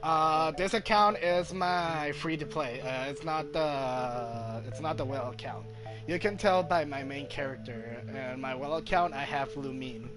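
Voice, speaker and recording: With video game music running beneath him, a slightly high-voiced man takes an unhurried pace as he streams gameplay. He chats in a loose, meandering, hesitant way with his viewers.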